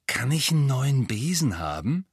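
A man's voice: medium pitch, sing-song, breathy edge, dry recording, studio quality, voice pushed up. A man voicing an eager, hopeful teenage boy in a storybook reading. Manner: eager, hurried.

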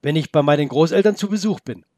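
A man voicing an eager young boy in a storybook, pitched high and speaking excitedly. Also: fast, dry recording, close to an everyday voice. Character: young boy, eager and brave though timid.

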